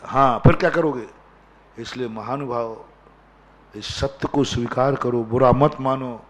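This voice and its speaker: A man, a Jain monk, preaching a sermon, firing rhetorical questions and repeating key words for emphasis. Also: mid-range voice.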